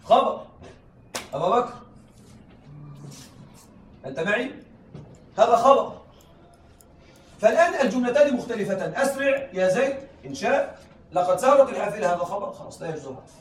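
A man's voice: sits high, sing-song, fairly quick, pauses often. A man teaching a classroom lesson, who keeps checking that his students follow and repeats key phrases. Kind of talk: classroom lesson on Arabic rhetoric. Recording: echoey room, heard from a distance, faint noise.

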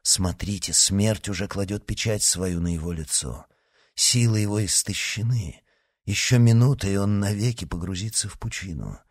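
A man voicing a dignified older nobleman who speaks softly and earnestly. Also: on the low side, moderate pace, breathy edge. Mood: imploring. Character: noble older count, gentle and merciful.

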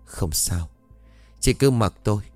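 A fretful middle-aged mother, put on by a male storyteller, pleading and anxious, her pitch swinging widely. The reading is dry and close, with faint music underneath. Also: lively intonation, a little fast, darkish tone, dry recording, lightly acted. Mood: weary, tired.

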